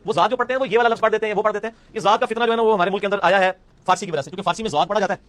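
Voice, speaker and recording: Fast-talking teacher. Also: male voice, sits high. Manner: demonstrates sounds, repeats them loudly; addresses students by name. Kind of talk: online class lesson.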